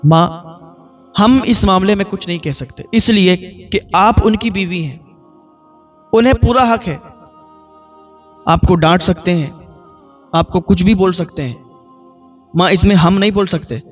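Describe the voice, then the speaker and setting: A pious young scholar son speaks with soft, patient calm, voiced by a man in a sermon. His voice sits fairly high, and the dull lo-fi recording carries faint music. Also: pauses often. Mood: gentle.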